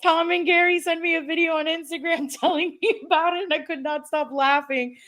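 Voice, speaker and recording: A woman's voice: very high voice, steady tone, a little fast, a bit bright. A woman whose first language is not English, chatting casually as a podcast host, with a slight lisp on some words. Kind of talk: casual chat.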